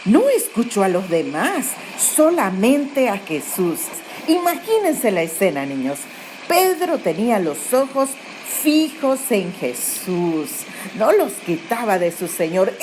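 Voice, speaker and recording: A woman teaching a Bible lesson to children, telling the story with animated questions to the kids. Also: mid-range voice, noisy background.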